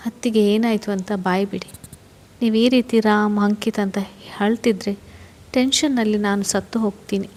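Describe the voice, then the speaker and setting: A woman narrator voicing a concerned young man who gently but firmly questions his sister-in-law. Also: medium pitch, steady tone, normal speed, natural voice. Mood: stern. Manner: soothing, insistent questioning.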